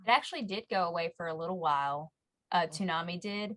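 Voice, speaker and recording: A woman guest in a casual roundtable chat, lively, acting out little quotes as she talks. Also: on the low side, fast talker, no room sound. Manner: lively, acts out quotes and laughs. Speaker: podcast guest.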